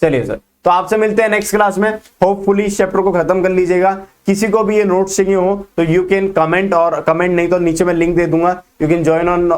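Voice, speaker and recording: A man teaching a business studies class in a brisk, energetic lecture style, mixing with terms and firing quick questions at his students. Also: high-pitched, smooth. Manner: fast-talking, quizzes students with quick questions.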